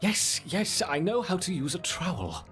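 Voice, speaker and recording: A man's voice: sits high, very animated, normal speed, music in the background. An actor voicing an eccentric, cranky male scientist in a video game, talking in indignant, grumbling outbursts. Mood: impatient.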